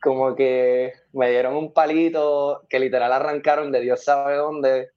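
A man's voice: mid-range voice, level tone, unhurried, clear, resonant tone, lo-fi sound. A man, a weightlifting athlete telling stories in a casual interview, acting out the voices of the people he quotes and laughing often.

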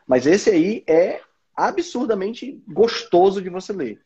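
A man's voice: sits high, sing-song, takes it slowly, mellow, slightly rough. A man with a Brazilian accent hosting a casual interview, enthusiastic and often repeating words as he thinks. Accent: Brazilian Portuguese. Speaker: interview host. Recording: dull lo-fi audio.

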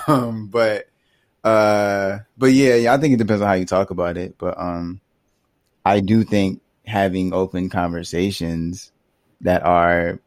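A man's voice: sits low, fairly even intonation, unhurried, no echo. A man co-hosting a podcast in a casual, rambling discussion, full of fillers and laughs. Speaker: podcast co-host.

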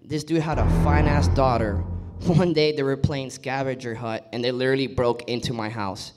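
A man's voice: mid-range voice, steady tone, normal speed, loud music behind the voice. A young man telling a loose, slangy stand-up story on stage. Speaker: stand-up comedian. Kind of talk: stand-up set.

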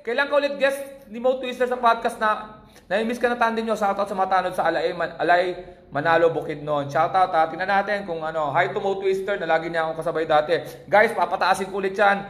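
A man hosts a casual livestream, reading comments aloud and cracking jokes. His voice sits high and bright with a sharp edge. The room around him sounds echoey. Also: steady tone, fairly quick. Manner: jokey, laughs loudly at his own jokes. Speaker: livestream host.

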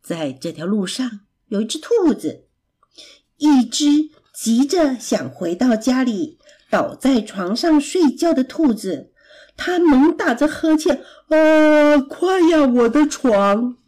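Lively woman reading a children's story. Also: high voice, takes it slowly, slightly rough. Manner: lively, expressive.

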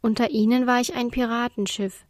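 A woman reading the part of a lonely, gentle female ship spirit who sighs as she tells her story, in a storybook reading. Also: fairly high pitch, steady tone, brisk, dry recording, studio quality, lightly acted. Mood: wistful.

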